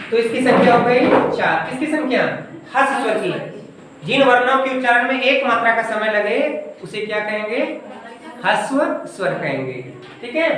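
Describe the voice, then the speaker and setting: A woman's voice: a little high, a bit bright, a little hiss or hum. Echoey, far-off woman teaching grammar. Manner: asks the class questions and answers them herself. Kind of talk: classroom lesson. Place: coaching classroom.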